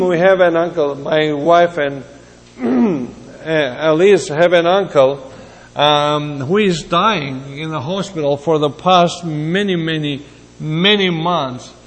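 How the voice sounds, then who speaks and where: A man in his seventies from Greece, giving a halting, reflective sermon with personal asides. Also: fairly high pitch, in a large hall. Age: 70s. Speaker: preacher.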